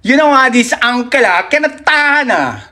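A man's voice: very high-pitched, very animated, moderate pace, pushed and bright. A man in his thirties doing a comic demonstration of Singlish, tagging sentences with local particles like la, ah and leh. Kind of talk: comedic Singlish demonstration skit. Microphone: phone at arm's length. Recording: background music behind the voice.

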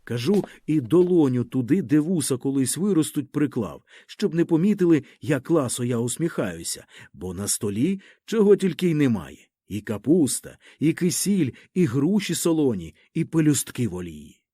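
A man reading a literary story aloud with lively, expressive storytelling in a boy's first-person voice. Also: mid-range voice, normal speed, hardly any pauses, husky, no room sound. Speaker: audiobook narrator.

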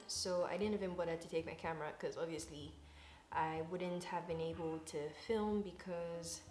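Her voice fairly low and a little mellow, a woman from Ghana in her 20s talks casually and affectionately to her viewers, chatty as a vlogger. She records indoors in echoey rooms at home over a music bed.

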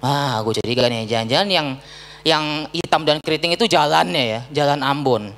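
A young man from Bekasi doing a deadpan stand-up set on an auditorium stage, with punchy set-ups and acted-out quotes. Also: on the high side, normal speed. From Bekasi, Indonesia. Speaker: stand-up comedian.

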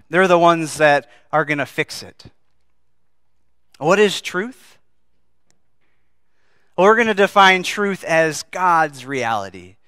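A man preaching an earnest sermon to his congregation, his voice bright and forceful. The sound is crisp and resonant, recorded dry and close with no room echo. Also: high-pitched. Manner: earnest, asks the congregation questions. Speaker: pastor. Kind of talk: sermon with scripture reading.

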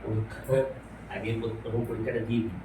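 A man at home gives quick, brief, offhand replies. He sounds distant from the mic in an echoey room. Loud background noise sits under his voice. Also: on the low side, little pitch movement. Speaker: vlogger's husband. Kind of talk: casual offhand chat. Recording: roomy, distant, noisy home audio.

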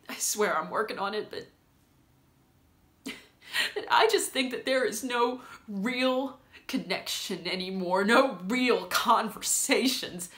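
Bright, rambling, emotional young woman acted by a woman. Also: mid-range voice. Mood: frustrated, apologetic, then tearful, overwhelmed. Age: young adult. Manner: halting, rambling, repeating words, swinging between nervous laughter and tearfulness. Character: rambling, emotional, self-conscious woman lonely for human connection. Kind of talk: dramatic stage monologue, naturalistic acting. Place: small room indoors with bare wall. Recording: roomy echo.

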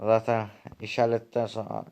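A man's voice: on the low side, completely flat delivery, a little fast, a little mellow. Man voicing a game drama, casual. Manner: casual, colloquial. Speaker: game video creator voicing all roles. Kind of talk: amateur game voice acting.

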